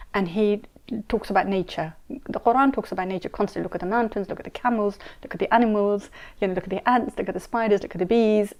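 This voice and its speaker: A middle-aged woman speaks in an interview, her voice sitting at an ordinary middle pitch. She is earnest and emphatic, and she repeats her key points for stress. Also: a little mellow. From Saudi Arabia, raised in Kenya and London. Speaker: Islamic scholar and mediator. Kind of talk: interview answers.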